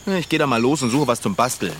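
A man playing a cheerful, easily charmed young bicycle mechanic in a children's radio play, lively and gushing. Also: mid-range voice, fast, slight background noise, lightly acted. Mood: grumbling. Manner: lively, gushing, coos over cute animals.

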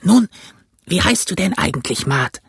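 A man voicing a ragged, marooned old sailor in a storybook reading, with a hoarse, croaky, pleading voice. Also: sits high, very animated, a little slow, fairly bright tone, no room sound, clean studio sound, pitched above the performer's own voice, full character voice. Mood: eager. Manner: raised, pleading and wheedling.

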